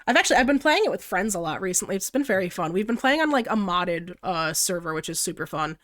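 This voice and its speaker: Her pitch is medium but swings widely, her pace quick and her tone a bit bright. She's a young woman with a flu-blocked nose, casually explaining her digital art live, chatty, giggly and frequently reading chat aloud.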